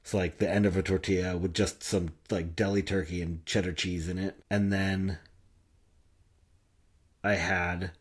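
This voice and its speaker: A man's voice: deep voice, flat delivery, unhurried, breathy edge. A man in his thirties co-hosting a podcast, chatting casually and rambling with lots of fillers. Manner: laid-back, rambling with fillers. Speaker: podcast co-host. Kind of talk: casual chat. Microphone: podcast microphone.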